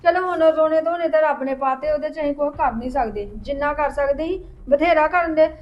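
A woman playing a resentful, quick-tempered young woman of the family who confronts her relatives with accusations. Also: high voice, natural voice. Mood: aggrieved. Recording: dull lo-fi sound with faint music.

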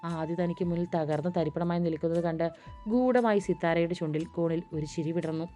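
A woman's voice: steady tone, a little fast, mellow, soft background music. A woman narrating a romantic audiobook story, voicing the dialogue as she reads. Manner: acts out dialogue with raised pitch and force.

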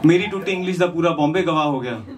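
Performing rhymed storytelling comedy on a small indoor stage, a stand-up comedian switches between verse and chatty asides. His delivery is fast and his voice on the high side, picked up by a handheld microphone with distant, noisy live sound.

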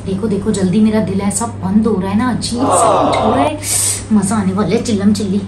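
A woman hosting a prank vlog at home, chatting to her phone on a tripod and then loudly arguing in a staged quarrel. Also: mid-range voice, a little fast. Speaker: vlogger host. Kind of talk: casual prank vlog chat. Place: at home indoors. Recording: echoey room with background noise.

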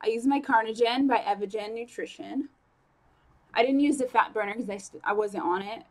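A young woman vlogging casually about her training, talking fast and chatty with lots of fillers and self-corrections. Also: fairly high pitch, a little mellow. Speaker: fitness vlogger. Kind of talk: casual vlog chat.

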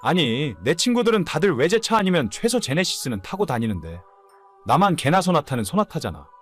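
A man's voice: fairly high pitch, big pitch swings, a little fast, soft background music. A man playing an immature, whining, hungover husband in his late thirties in a dramatized story. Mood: whiny, insistent. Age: late 30s. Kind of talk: dramatized audio story dialogue.

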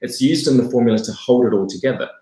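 This guest is a fragrance brand co-founder, a New Zealander in his forties, interviewed by video call in a home room indoors. He's quick, enthusiastic, and laughs a lot, with a mellow, mid-range voice; the webcam mic gives an echoey, roomy sound.

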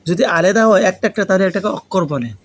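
A Pakistani-accented man with a fairly high voice gives an interactive lesson. A native Urdu speaker, he talks in a foreign learner's Bengali with Urdu phrases mixed in. He explains step by step, repeats key points and keeps prompting with questions. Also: brisk. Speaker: Arabic grammar teacher.

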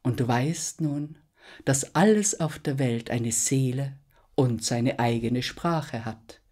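An ancient, wise spruce tree from a spoken fairy tale, gentle and kindly, speaking softly and slowly, as a woman storyteller puts it on. The voice is breathy and unhurried. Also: extremely low pitch, exaggerated voice.

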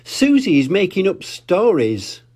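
Older man doing a squeaky little girl piglet, storybook cartoon, cheeky, high, husky edge. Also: wildly swooping pitch, darkish tone, exaggerated voice. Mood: childish. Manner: slow storybook reading.

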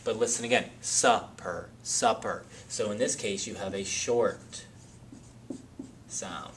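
A lower-pitched man teaches a phonics lesson at an unhurried pace. He explains each step patiently and repeats the example words slowly. A faint hiss of background noise sits under his voice. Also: steady tone.

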